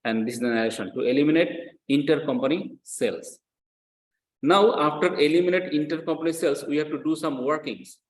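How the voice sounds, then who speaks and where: A non-native English speaker lectures an accounting class step by step, repeating phrases and frequently checking that students are following. His voice is on the high side and a little fast. The room sounds echoey, with slight background noise.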